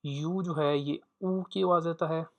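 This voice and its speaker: A man teaching a pronunciation lesson, saying each sound slowly and repeating it for learners to copy. His first language is Urdu. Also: a little high, steady tone, gravelly, a bit bright. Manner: slow, deliberate, repeats each sound for practice.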